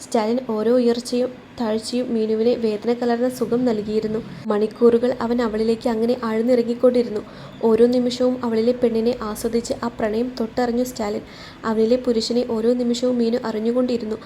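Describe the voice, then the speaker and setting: Mellow-voiced woman narrating a romance story. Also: a little high, level tone, a little fast, a little hiss or hum. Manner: voices every character in her own voice.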